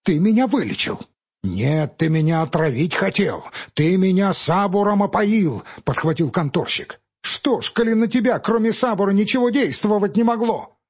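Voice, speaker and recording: A man narrating a literary audiobook in a calm, measured storytelling manner. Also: high-pitched, breathy edge, highs cut off.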